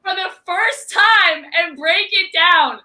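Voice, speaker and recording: A woman's voice: very high voice, slow pace, over a noisy crowd. A young adult woman, a podcast guest, chatting casually, teasing and gushing with enthusiasm. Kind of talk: casual chat.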